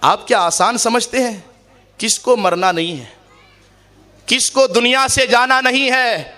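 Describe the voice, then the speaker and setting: A man preaching a sermon to a gathering, impassioned, swinging between loud emphatic shouts and low earnest tones, and slowly reciting Arabic verses. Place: mosque or madrasa gathering.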